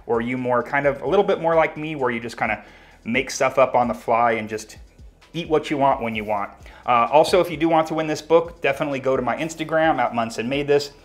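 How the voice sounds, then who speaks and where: A man's voice: mid-range voice, fairly bright tone. A man hosting a home cooking video, talking casually to viewers and tasting his food as he goes, with frequent small self-corrections. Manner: chatty, eating while talking, self-correcting. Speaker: cooking channel host. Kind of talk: casual cooking vlog talk.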